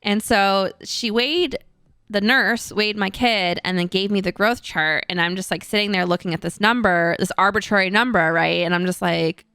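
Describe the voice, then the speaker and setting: Young woman co-host, smooth dry voice, animated and rambling casual chat. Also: normal speed, no echo. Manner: rambling, animated storytelling with frequent fillers; acts out quoted voices in a higher pitch. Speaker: streamer and co-host.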